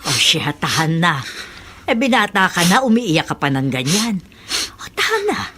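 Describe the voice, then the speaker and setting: A woman's voice: fairly low pitch, big pitch swings, moderate pace, a bit bright, slightly rough, heavily acted. An actress playing a caring grandmother who soothes and lectures her grandson in a radio drama. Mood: comforting. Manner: soothing, scolding lightly. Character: gentle older grandmother giving advice. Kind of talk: Filipino radio drama acting.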